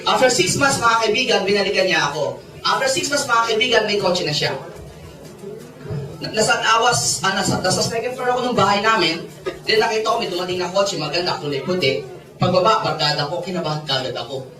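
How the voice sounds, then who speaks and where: A man's voice: sits high, animated, fairly quick, noisy background. Man joking in an echoey seminar room. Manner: playful, teasing the audience, mixes Tagalog and English. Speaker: network marketing seminar speaker. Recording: echoey room, mic far off, audience chatter.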